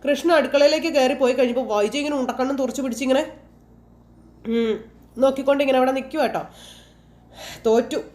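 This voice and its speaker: A woman chattily recaps an episode of a TV serial, voicing the characters' arguments inline and tagging her lines with "you know." Her high-pitched voice has a steady, darkish tone, and she talks fast with long pauses.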